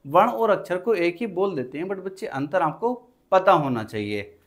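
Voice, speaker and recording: A man's voice: sits high, lively intonation. A man from India with a Hindi accent from Uttar Pradesh, teaching an exam-prep grammar lesson and answering his own questions in the students' voice. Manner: repeats key phrases slowly while writing on a board.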